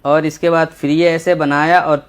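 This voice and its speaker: A man teaching a children's Urdu lesson, patient and slow, repeating each letter as he writes. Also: fairly high pitch, little pitch movement, smooth. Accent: Indian Urdu. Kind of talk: textbook lesson for young children.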